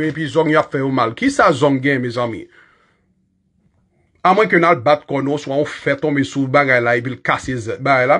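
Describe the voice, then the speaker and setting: Haitian guy teaching english, high husky voice that jumps around, laughs a lot, spells stuff out. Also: fairly bright tone. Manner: chatty, laughs often, spells words out. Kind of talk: casual online lesson.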